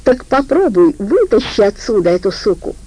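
A woman voicing a defiant armed young woman who talks in a sharp, mocking tone. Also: mid-range voice, big pitch swings, moderate pace, low-quality recording.

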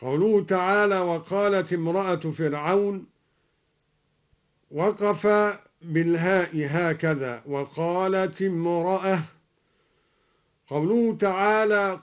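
Slow high-voiced male Quran teacher. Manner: measured, breaks into chanted examples. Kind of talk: explaining variant readings on radio. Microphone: broadcast studio microphone.

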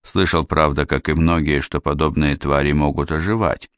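A man voicing a confident male king who speaks softly and teases gently, in an audiobook reading. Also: rumbling low, steady tone, normal speed, no echo. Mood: wry. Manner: soft, gently teasing. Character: calm wry male king, confident ruler.

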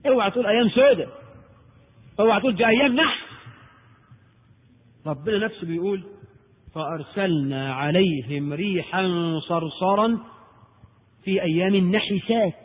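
High-voiced Egyptian preacher on tinny tape. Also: male voice, moderate pace, pauses often, husky. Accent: Egyptian Arabic. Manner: animated and rhetorical, asks and answers his own questions. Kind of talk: recorded Islamic lecture. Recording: tinny old tape in a reverberant hall.

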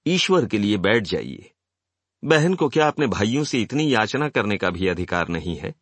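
A young woman pleading with a tremble in her words, voiced by a male narrator in his own register. She speaks gently and with lively rise and fall. The recording is dry and near. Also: fairly low pitch, normal speed, dry recording.

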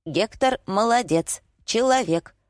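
A woman's voice: medium pitch, expressive, takes it slowly, no room sound, studio quality, pitched above the performer's own voice. A woman voicing a cheeky talking raven in an audiobook, speaking in clipped one-word squawks. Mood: insistent. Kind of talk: audiobook character voice.

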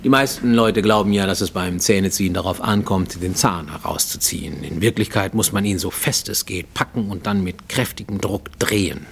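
A male actor with a deep, creaky voice performs a German radio play monologue as a visionary dreamer: a Japanese fugitive in Mexico working as a makeshift healer and tooth-puller. His tone is soothing yet eerie, intimate and deliberate, speaking to a listener and sinking to whispers, with a faint hiss or hum.

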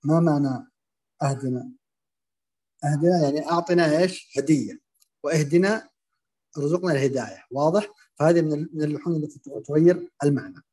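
A man teaching Quran recitation, explaining and demonstrating common pronunciation errors in a halting, filler-heavy way. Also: a little high, dark tone, breathy edge. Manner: hesitant, many fillers and restarts, demonstrates pronunciations aloud.

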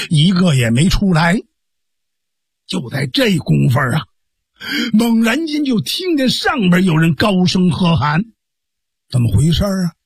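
A man narrating a traditional Chinese storytelling piece in a lively, dramatic manner with vocal sound effects. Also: sits high, breathy edge, no room sound, studio quality.

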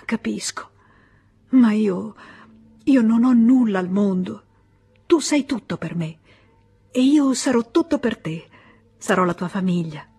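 A woman reading as a passionate young wife eager to run off with her lover, speaking in a tender, impassioned way that sometimes falls to a hush. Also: mid-range voice, husky. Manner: impassioned, at times hushed. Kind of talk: audiobook character reading.

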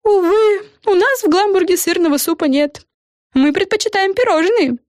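Shrill, haughty little fairy. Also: female voice, moderate pace, darkish tone, no room sound, clean studio sound. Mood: indignant. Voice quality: shrill, piercing. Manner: haughty and bossy, exclaiming. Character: pompous squealing tiny female fairy. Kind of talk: audiobook voice acting.

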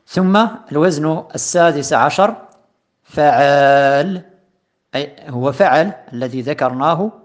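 Male grammar teacher, recorded lesson; deliberate, repeats and stresses patterns. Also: a little high. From Morocco. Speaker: teacher of Arabic morphology.

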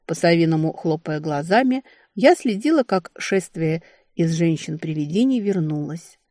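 A woman narrating a fantasy novel in a wry, expressive storytelling manner, recorded on a close mic. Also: lowish voice, moderate pace, no echo. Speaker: audiobook narrator.

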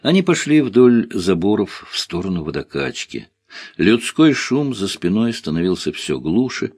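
A man reads a novel aloud with a very low, husky voice. His delivery is expressive and moves widely up and down. The recording is dry and close. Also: measured pace, no room sound. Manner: expressive, voices each character. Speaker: audiobook narrator. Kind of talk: scripted literary narration.

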